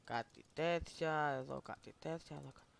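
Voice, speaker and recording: A man from Greece streaming a game, quietly mumbling and rambling to himself as he sets up a character. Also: a little high, vocal fry. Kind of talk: casual gameplay commentary.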